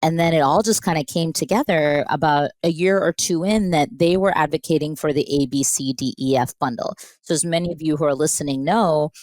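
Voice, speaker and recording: A woman with a low, deep-set voice talks through a podcast interview as a guest physician. She tells her story in a lively, animated way, slipping into quoted dialogue. The sound is dry and close, with no room behind her. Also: brisk, dry recording. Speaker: pediatric intensivist guest.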